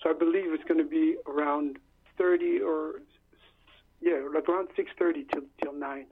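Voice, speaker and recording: On a tinny phone line to a call-in radio show, a bandleader and musician who grew up speaking Lingala chats in a friendly, hesitant way, frequently starting over. His voice is fairly high, slightly rough, and steady, at a moderate pace.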